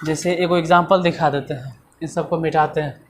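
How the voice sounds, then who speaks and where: A man's voice: fairly high pitch, steady tone, moderate pace, slight background noise. A man teaching English grammar in a classroom lesson, repeating points and asking and answering his own questions.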